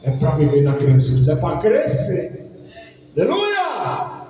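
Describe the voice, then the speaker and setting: A pastor preaching a lively sermon to his congregation, swinging between loud calls and quiet asides. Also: fairly high pitch, unhurried, dull audio, a little hiss or hum. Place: church hall. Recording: echoey hall, distant mic, faint music.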